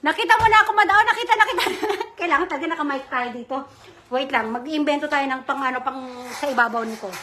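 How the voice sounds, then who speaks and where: Woman, live-stream host, casual chatty shout-outs, sharp bright tone, very high voice. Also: fast. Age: adult mother. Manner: chatty, reads viewer comments and gives shout-outs. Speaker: livestream host running a giveaway.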